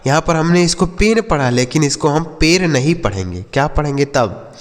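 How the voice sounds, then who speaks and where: A man teaching English spelling to children, sounding letters out slowly and answering his own questions. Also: fairly high pitch, expressive, long reverb tail.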